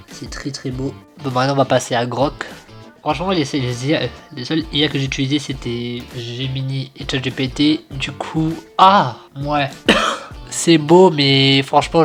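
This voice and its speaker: A young man talks casually over his screen recording in a slangy, hesitant way, often stopping to restart his thoughts. His voice sits at a middle pitch, and faint music plays underneath. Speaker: YouTuber testing image tools.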